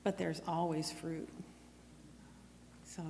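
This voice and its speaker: A woman sharing a sincere, soft-spoken testimony before a church congregation. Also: low-pitched, little pitch movement, slow, gravelly, a little hiss or hum. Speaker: congregation member giving a testimony. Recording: distant voice with long hall reverb.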